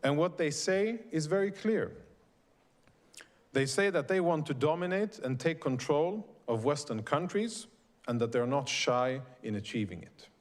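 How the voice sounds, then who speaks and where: An invited speaker from Sweden, a middle-aged man, presents a prepared speech to a live audience, deliberate and emphatic. His voice sits fairly high and sounds animated.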